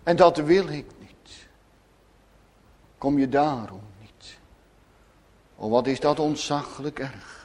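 A man preaching a sermon, swinging between loud urgent pleading and soft hushed asides. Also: fairly high pitch, lively intonation. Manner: slow, deliberate preaching. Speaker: pastor.

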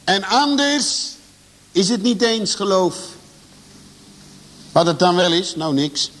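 A man preaches a sermon in a high, slow and deliberate voice. He drives his points home with sudden rises and drops in pitch and loudness. The recording carries a long reverb from a church. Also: lively intonation. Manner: preaching with emphatic swings in pitch and volume. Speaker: pastor.

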